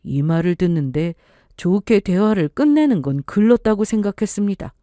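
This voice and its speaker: A woman's voice: medium pitch, expressive, normal speed, warm tone, no echo, clean studio sound. A woman narrating a scripted first-person story in a confiding storytelling tone.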